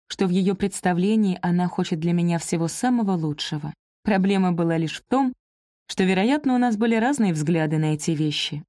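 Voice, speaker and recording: A woman reads a novel aloud in the first person, soft and reflective. Her voice is low and mellow, and the recording is dry and close. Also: no room sound. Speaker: audiobook narrator.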